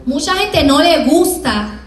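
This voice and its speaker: Puerto Rican woman professor, lively motivational speaker, slightly distant mic. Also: high-pitched, slow. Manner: lively, acts out scenes in small voices. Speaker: university professor. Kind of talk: motivational talk to students. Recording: echoey room, from far off.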